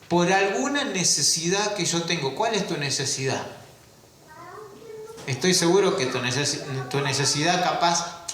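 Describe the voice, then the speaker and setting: The fairly high, fairly bright voice of a man preaching fills a strongly echoing church. He throws rhetorical questions at the congregation and lingers on key words.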